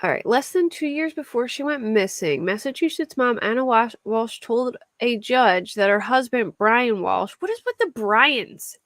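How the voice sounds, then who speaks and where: Speaking a little high and animated, unhurried yet with hardly any pauses, this young woman has a fairly bright tone in clean studio sound without room noise. She hosts a true crime livestream, reading a crime story in her Philadelphia-area accent, chatting with viewers and laughing often.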